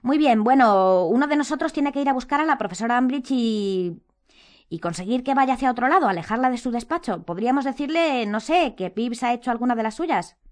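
A bright, raised voice talks quickly and urgently: a woman playing a clever, bossy teenage girl from a storybook. She pleads, insists and lays out plans with nervous energy. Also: fairly high pitch, animated, voice pushed up, natural voice.

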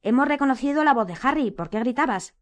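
A woman's voice: high voice, expressive, fast talker, voice pushed up. A woman reading an audiobook, voicing a curious, direct teenage girl who speaks a little coolly.

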